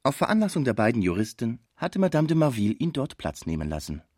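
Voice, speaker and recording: A man reading a classic novel aloud as an expressive audiobook narrator. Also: medium pitch, fast talker, no echo, studio quality.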